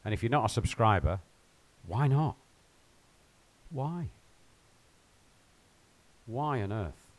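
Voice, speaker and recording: A man's voice: medium pitch, lively intonation, takes it slowly, pauses often. A man rambling and joking with his viewers while he plays and streams from home. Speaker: game streamer. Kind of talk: casual live-stream chat.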